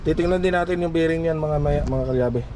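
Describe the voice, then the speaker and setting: Male mechanic vlogger over clear background noise. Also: fairly high pitch, a little fast, dark tone. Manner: short, fragmented remarks while working. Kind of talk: casual hands-on repair commentary. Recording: noisy, vehicle sounds behind.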